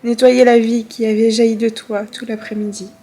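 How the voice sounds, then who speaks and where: A woman's voice: a little high, flat delivery, normal speed, mellow, faint music behind, close to an everyday voice. A woman reading aloud in the voice of an elderly grandmother who looks back on her life with grief and tenderness. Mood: tender.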